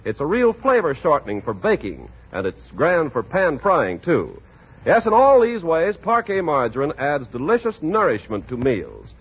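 A man's voice: a little high, wildly swooping pitch, moderate pace, slightly rough. A man working as announcer, reading scripted sponsor copy and narration in 1940s radio style. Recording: dull vintage radio recording.

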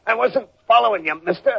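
An actor playing a big, dim-witted, easily cowed hired thug with dopey bluster and a rough husky voice, in old radio drama style. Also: male voice, extremely high pitch, full character voice. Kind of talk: 1940s radio acting. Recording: dull lo-fi old radio recording.

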